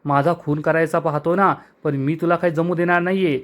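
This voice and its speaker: A man voicing a loud, taunting middle-aged village man who keeps shouting accusations, in a spoken recap of a TV serial. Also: fairly high pitch, fairly even intonation, fairly quick, close to an everyday voice.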